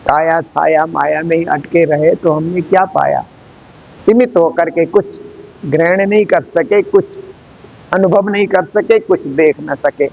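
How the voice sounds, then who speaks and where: A man delivers a devotional discourse at an unhurried, deliberate pace, his voice sitting a little high for a man. He leans on repeated phrases to drive each point home. The live recording sounds dull and lo-fi. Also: gravelly, darkish tone. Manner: slow, measured, repeating phrases for emphasis. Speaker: spiritual teacher giving a scripture discourse.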